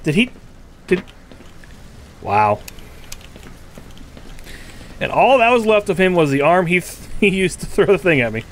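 A man's voice: sits high, very animated, a little slow, long pauses, a bit bright, a little hiss or hum. A man streaming a game live, giving casual, rambling commentary full of "like" fillers and frustrated swearing. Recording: game sounds clearly audible under the voice.

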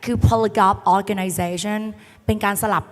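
A woman tutor with a cold and a hoarse voice, teaching a playful exam-prep lecture to a hall of students. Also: mid-range voice, fairly even intonation, takes it slowly. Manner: playful, teasing, calls the students "kids". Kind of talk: lively classroom lecture. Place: large hall full of students. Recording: echoey hall.

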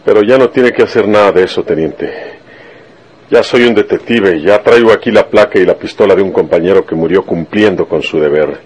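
For a Spanish-language radio serial, a man plays a stubborn, vengeful rural Mexican detective who is blunt and earnest. His low, rough, slightly mellow voice moves briskly with a defiant, urgent mood, packed with folksy rustic colloquialisms.

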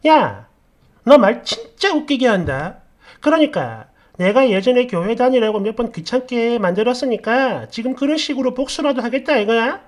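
An indignant young bride turns sharp and accusing, her voice raised high and loud as she lashes out, put on by a woman reading the story. Her pitch swings widely from line to line as the anger builds. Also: very animated, normal speed. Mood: mocking. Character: indignant devout young woman, quick to take offense.

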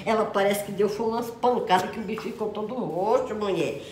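A woman with a Northeastern Brazilian accent rattles off furious, crude scolding at a breakneck pace. Her outbursts jump from shouts to muttered insults in this home comedy sketch. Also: mid-range voice, a little fast, a little hiss or hum. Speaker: comic mother character.

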